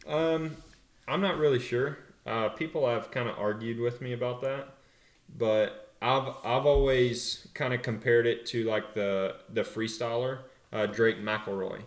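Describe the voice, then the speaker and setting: A young man and pro rider answering interview questions in a relaxed, hesitant way, full of fillers and restarts. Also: medium pitch, unhurried, echoey room. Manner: laid-back, hesitant, many fillers and restarts. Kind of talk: casual interview.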